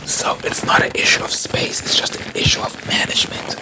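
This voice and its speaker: An ASMR host from South Africa whispering fast, talking through opinions in a rambling way with halting restarts. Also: rough recording.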